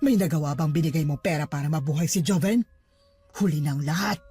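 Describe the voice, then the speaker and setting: A stern, vengeful older mother speaks in a husky, accusing voice, as a woman puts her on. She lectures in cold, preaching tones in a dramatized horror story. Faint music plays underneath. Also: low-pitched, a little fast, warm tone.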